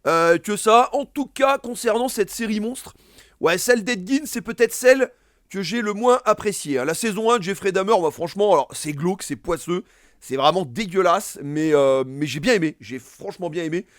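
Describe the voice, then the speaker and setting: A man's voice: sits high, normal speed, no echo, studio quality. A man casually reviewing films and series, rambling with many fillers and restarts. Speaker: film reviewer. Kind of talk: casual film review monologue.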